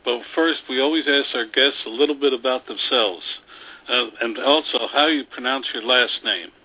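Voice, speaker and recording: A man hosts a radio interview, stumbling through restarts and fillers as he introduces and questions his guests. The sound is narrow and tinny, like a phone line. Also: medium pitch. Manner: halting, with many ums and restarts. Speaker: radio show host. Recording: phone-like band.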